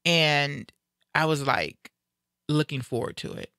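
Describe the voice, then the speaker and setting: A woman's voice: low voice, expressive, slow pace, bright, forceful tone, no room sound, studio quality. A woman around fifty, the host, chatting casually and animatedly, laughing as she tells stories. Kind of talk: casual chat.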